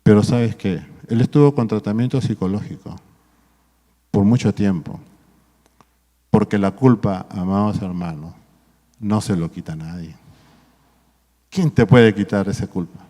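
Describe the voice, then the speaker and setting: Exhorting preacher in a reverberant hall. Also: male voice, lowish voice, measured pace, long pauses, mellow. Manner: exhorting, addresses listeners as brothers, frequent tag questions. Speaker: pastor. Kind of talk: sermon at a marriage workshop. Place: church hall.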